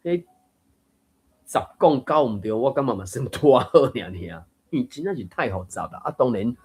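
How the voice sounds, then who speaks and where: A man with a husky, slightly breathy voice leads a casual reading-group chat. He explains points patiently and thinks aloud, now and then chuckling. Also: medium pitch, very animated, moderate pace, darkish tone. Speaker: host of a Taiwanese reading group. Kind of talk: casual discussion of a book reading.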